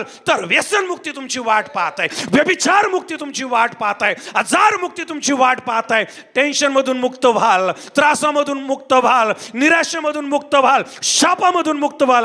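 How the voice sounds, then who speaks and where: A man with a very high, bright, forceful voice delivers a fervent sermon. He stacks up repeated phrases and lifts them into shouts, speaking straight to the people gathered before him and to listeners beyond. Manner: impassioned preaching with repeated refrains and shouted peaks; addresses a live congregation and broadcast audience. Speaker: pastor.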